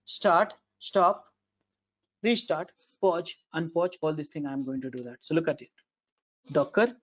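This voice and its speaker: An instructor with a high-pitched male voice gives an online class lecture, speaking in a repetitive, halting way with lots of fillers. It's captured over a video call at a low sample rate, so the audio sounds dull and lo-fi.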